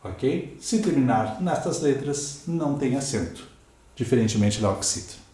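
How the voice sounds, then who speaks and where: Brazilian man teaching in a booming, echoey room. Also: expressive, normal speed, mellow. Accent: Brazilian Portuguese. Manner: explanatory, checks in with "né?" and "ok?", spells out letters. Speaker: Portuguese teacher. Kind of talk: whiteboard grammar lesson.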